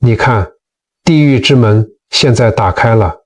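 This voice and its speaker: A man's voice: medium pitch, a little slow, far from the mic, natural voice. A man doing a stern old Zen master. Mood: stern calm. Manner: cold, curt scolding.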